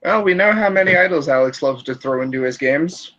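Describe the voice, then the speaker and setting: A man's voice: on the high side, animated, brisk, a bit bright. Hesitant young man on a dull line. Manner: rambling, hesitant with many ums. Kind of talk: casual group call chat. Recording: dull lo-fi voice call.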